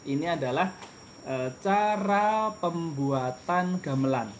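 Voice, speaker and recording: A man's voice: on the high side, takes it slowly, a little hiss or hum. Middle-aged male guest teacher, patient, sings example tunes. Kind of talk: online class lecture to children.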